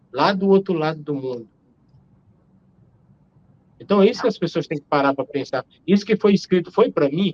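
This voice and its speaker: A man's voice: high-pitched, lo-fi sound. Emphatic Brazilian man in his forties. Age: 40s. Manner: emphatic, argumentative, rhetorical questions. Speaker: theologian guest. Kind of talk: live-stream discussion.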